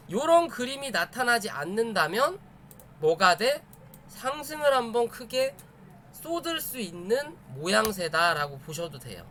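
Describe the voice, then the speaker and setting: In an informal live session about stock charts, the male host drives his points home by repeating phrases and asking rhetorical questions to confirm understanding. He has a high, fairly bright voice, and there's slight background noise.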